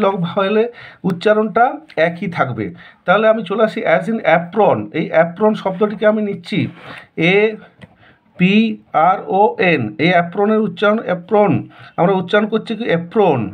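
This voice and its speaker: A man with a Bengali accent teaching a school lesson, asking questions and answering them himself in a repetitive way. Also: sits high. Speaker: English teacher. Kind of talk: classroom lesson explanation.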